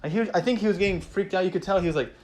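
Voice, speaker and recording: Excitable man ranting about fights. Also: high-pitched, rapid-fire. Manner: excitable, rambling, swears freely, frequent "man" and "you know"; acts out fighters' thoughts in quoted asides. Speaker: MMA vlogger recapping fights. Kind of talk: casual fight recap.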